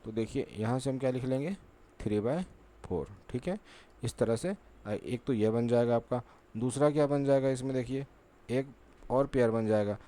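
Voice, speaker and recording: A man's voice: medium pitch, normal speed, warm tone. A man teaching a maths lesson at a board, patient and repetitive, asking himself questions and answering them. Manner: patient, repeats "ठीक है" and asks rhetorical questions.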